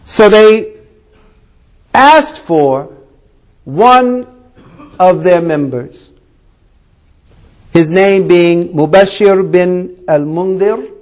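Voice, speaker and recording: A man preaching to a congregation, giving an animated retelling of a story with reverent honorifics. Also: on the high side. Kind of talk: sermon storytelling.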